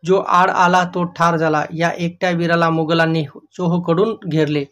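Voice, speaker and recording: A male teacher reads a children's history lesson aloud. His pitch stays fairly level and sits slightly high for a man, with little rise or fall. He reads steadily and stops now and then to point out the pictures. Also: level tone, moderate pace, fairly bright tone.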